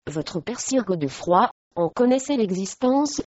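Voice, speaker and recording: A woman's voice: medium pitch, big pitch swings, a little slow, a little mellow, no room sound. A woman reading the part of a stern, angry medieval lord who questions his wife harshly, in a slightly dull recording.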